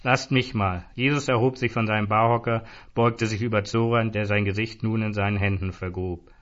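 A man narrating a comic story in a dry, even manner. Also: on the low side, brisk. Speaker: audiobook narrator. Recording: dull lo-fi recording.

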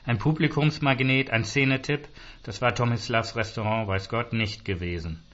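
A man's voice: mid-range voice, normal speed, fairly bright tone. A man narrating a short story aloud with dry, ironic storytelling. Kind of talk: audiobook reading of a short story. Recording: dull lo-fi recording.

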